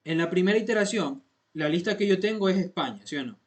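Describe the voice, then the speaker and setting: A man's voice: high voice, animated, fast. A man walks students through code one step at a time. He repeats each point patiently and keeps checking that they follow. The tone is that of a classroom lesson. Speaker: programming instructor.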